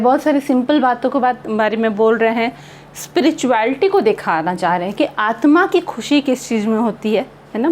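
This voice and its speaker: Woman teacher, Indian English accent, reads verse aloud slowly, explains in Hindi, faint noise. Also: on the high side, a little mellow. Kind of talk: poem lesson explained in Hindi.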